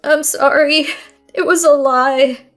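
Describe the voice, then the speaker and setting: Young mistress, woman voicing, high and tearful, pleading. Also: steady tone, slow pace, a bit bright, soft background music. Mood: confessing.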